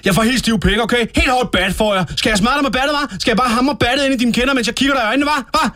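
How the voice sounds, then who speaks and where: A man's voice: a little high, fairly bright tone, dry recording. A man playing a crude, violent thug in denial, blustering and tagging his lines with "right?". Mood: threatening. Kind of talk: comedy sketch acting.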